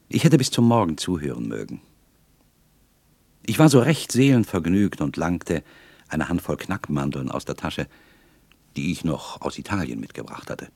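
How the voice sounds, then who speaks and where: A low-voiced man reads a literary tale aloud with expressive, unhurried storytelling. His pitch rises and falls in lively arcs, and the sound is close and dry. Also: no room sound. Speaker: audiobook reader. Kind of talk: scripted literary narration.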